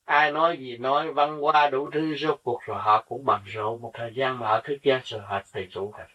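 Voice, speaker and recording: A man's voice: mid-range voice, steady tone, normal speed, breathy edge. A man giving an earnest spiritual sermon, teaching with rhetorical questions. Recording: dull lo-fi recording from a distance.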